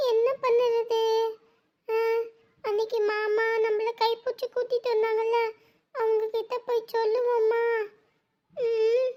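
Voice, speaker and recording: A performer voicing a small, worried child who speaks softly and hesitantly. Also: very high voice.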